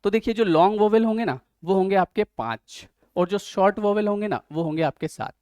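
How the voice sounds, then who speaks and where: Indian male tutor, fairly high voice, dry close mic, explains step by step and checks students follow. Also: fairly quick, darkish tone, clean tone, dry recording. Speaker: teacher. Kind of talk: online exam-prep lesson.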